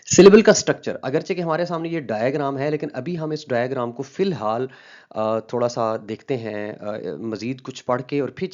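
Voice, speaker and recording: Male online lecturer, mid pitch, explains phonetics patiently with fillers and repeated points, muffled low-fi sound. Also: darkish tone. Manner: slow and repetitive, with frequent "uh" fillers and rhetorical questions. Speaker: linguistics teacher.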